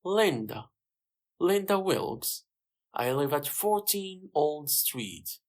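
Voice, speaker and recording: A narrator voicing an eager woman who tries to help, in a slightly raised, lively tone. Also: mid-range voice, very slow, voice pushed up. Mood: anxious. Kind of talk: graded-reader story voice.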